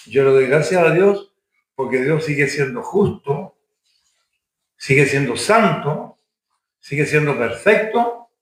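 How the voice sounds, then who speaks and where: High-voiced preacher in echoey church. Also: male voice. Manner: emphatic, rhetorical questions. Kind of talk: Sunday school sermon.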